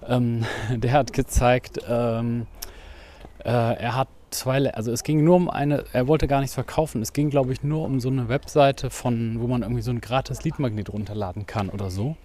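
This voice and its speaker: A man's voice: medium pitch, fairly even intonation, moderate pace, mellow. A man hosting a casual podcast, explaining things with frequent tag questions while he is out running outdoors. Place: outdoors, on the move.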